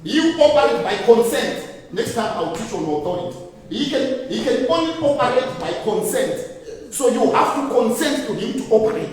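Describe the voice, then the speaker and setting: A man's voice: extremely high pitch, big pitch swings, normal speed. A man preaching a sermon as a pastor. He speaks emphatically, repeats phrases for emphasis and throws questions back to the congregation. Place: church hall. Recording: echoey hall, voice from far off.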